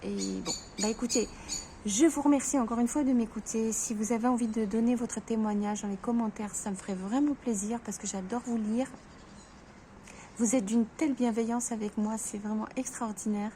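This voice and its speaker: Woman vlogger, fairly high, mellow voice, halting speech with stammers, faint background hiss. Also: fairly even intonation. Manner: halting, stammering, many restarts. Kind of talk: personal grief vlog, talking to viewers.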